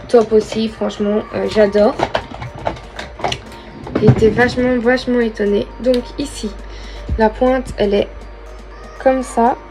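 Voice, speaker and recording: A woman's voice: fairly high pitch, poor audio. A young woman, chatting casually through a makeup tutorial and thinking aloud as she works. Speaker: beauty vlogger.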